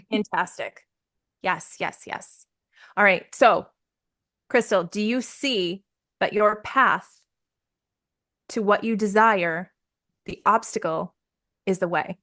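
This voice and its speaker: A woman coaching participants live over a video call. She sounds upbeat and encouraging and laughs easily. Her voice sits in an ordinary middle pitch. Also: unhurried, pauses often, fairly bright tone. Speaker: business coach.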